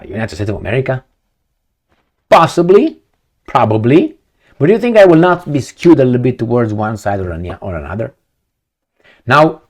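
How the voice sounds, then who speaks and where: A man's voice: medium pitch, a little mellow. A man from Romania, giving a rambling opinion monologue to camera, full of rhetorical questions and repetition. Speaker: video commentator.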